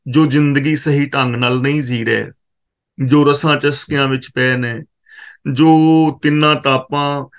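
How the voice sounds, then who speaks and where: Sikh preacher explaining verses slowly. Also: male voice, medium pitch, fairly even intonation, fairly bright tone. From Punjab, India. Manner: recites verses slowly, then explains word by word; corrects pronunciation of verse words. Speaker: scripture teacher. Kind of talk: katha scripture exposition.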